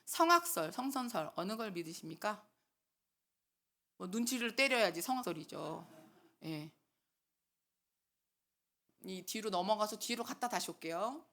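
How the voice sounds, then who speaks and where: Animated, bright-voiced woman preaching. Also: mid-range voice, unhurried, long pauses. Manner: animated, talks with the congregation and acts out quotes. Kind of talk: sermon. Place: church hall.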